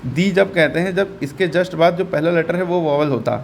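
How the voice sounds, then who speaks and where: A man's voice: on the high side, normal speed, creaky, a little hiss or hum. A man teaching English reading, patiently repeating each sound and quizzing his learner step by step. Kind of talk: step-by-step phonics lesson.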